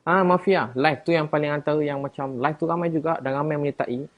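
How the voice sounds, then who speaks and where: Husky Malaysian man talking on a live stream. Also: on the high side, fairly even intonation, brisk. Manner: chatty, rises and gets louder when defending himself. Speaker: preacher answering viewers live. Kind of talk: casual live-stream talk.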